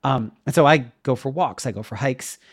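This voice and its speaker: This middle-aged web developer and educator is a podcast guest, talking casually and reflectively and explaining things informally. His medium-pitched voice moves at a moderate pace in a dry, studio-quality recording.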